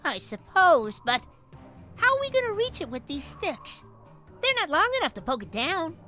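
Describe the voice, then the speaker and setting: A dopey, doubtful cartoon sidekick speaks in a high, sharp, lively voice. He sounds puzzled and reluctant, with faint music underneath. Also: normal speed, exaggerated voice. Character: dim, doubtful sidekick brother of a villain. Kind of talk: cartoon acting.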